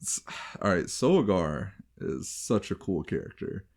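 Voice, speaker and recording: A man with a low voice and a light Southern US accent, chatting casually as a co-host. He rambles and keeps trailing off and starting his sentences again. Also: animated, measured pace, a little mellow. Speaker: podcast co-host. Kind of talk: casual chat.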